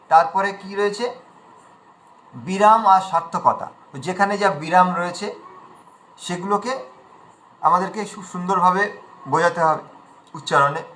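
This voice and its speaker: A man with a high, bright voice leads an online recitation class. He explains patiently in plain talk and chants each verse line slowly and drawn out to demonstrate it. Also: a little hiss or hum, low-quality recording. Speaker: recitation teacher.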